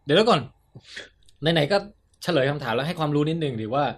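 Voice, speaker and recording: Fast-talking, teasing man co-host. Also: on the high side. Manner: teasing, quick questions. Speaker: podcast co-host. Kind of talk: casual banter.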